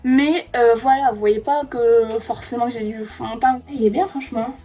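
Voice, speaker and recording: A woman's voice: a little high, steady tone, moderate pace, dark tone, faint music behind. A young woman in her twenties chatting casually through a makeup tutorial as she does a friend's face, saying "hop" as she applies each product. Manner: chatty, says "hop" while applying makeup. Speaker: beauty vlogger. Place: indoors doing makeup on a friend.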